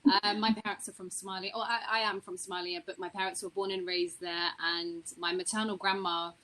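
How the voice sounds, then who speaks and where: A woman's voice: medium pitch, brisk, poor audio. Chatty woman telling a family story. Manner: relaxed, chatty storytelling with repeated fillers. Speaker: panel guest. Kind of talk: casual panel conversation.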